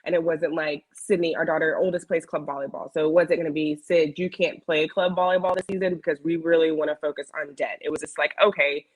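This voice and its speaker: A woman's voice: deep voice, fairly even intonation, quick pace, few pauses, low-quality recording. A woman in her thirties from San Antonio, a guest on a video call, chatting through her story with frequent ums. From San Antonio, Texas, USA. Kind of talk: casual interview chat.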